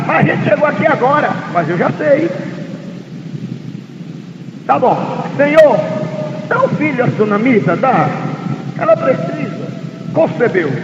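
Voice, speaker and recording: A man with a very high voice preaches a dramatic sermon, rising into shouts at the climaxes. The old lo-fi recording is noisy and carries a long echo from a big hall. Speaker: pastor.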